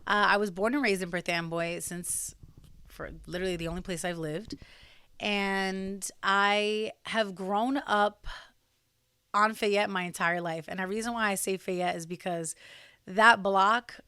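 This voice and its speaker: Young podcast guest from New Jersey, rambling and chatty, clear smooth tone. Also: female voice, mid-range voice, fairly even intonation, a little slow, pushed and bright, no room sound. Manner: chatty, many fillers and restarts. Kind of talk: casual interview conversation.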